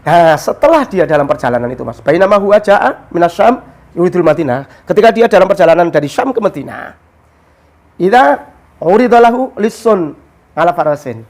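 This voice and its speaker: Speaking fairly quickly in a high-pitched voice, a male religious teacher tells a story informally. He is animated, weaving quoted Arabic texts in with his own explanation.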